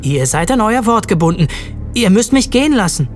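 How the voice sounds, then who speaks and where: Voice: mid-range voice, very animated, normal speed, faint music behind, pitched above the performer's own voice, close to an everyday voice. A narrator playing an earnest young boy. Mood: pleading. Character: anxious but clever young boy. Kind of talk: audiobook reading.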